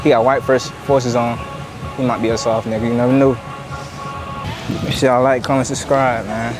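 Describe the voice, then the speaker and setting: A man's voice: medium pitch, level tone, moderate pace, over music. A young man hosting a street prank video, talking in slang and pleading that he's sick. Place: outdoors on a city street. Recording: loud street noise on outdoor camera mic.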